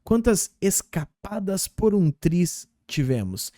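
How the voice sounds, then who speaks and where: A Brazilian man teaching English in Portuguese, repeating example phrases slowly and patiently. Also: high voice, very animated, dark tone, no room sound. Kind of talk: language lesson explaining game clips.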